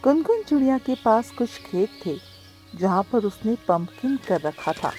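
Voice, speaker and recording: A woman narrating a children's cartoon story in an expressive storytelling manner, also voicing the gentle heroine bird. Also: medium pitch.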